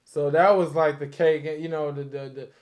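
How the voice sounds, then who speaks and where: A man's voice: on the high side, flat delivery, normal speed, a little mellow. A man hosting a casual interview, bantering in loose slang with lots of agreement. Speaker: podcast host.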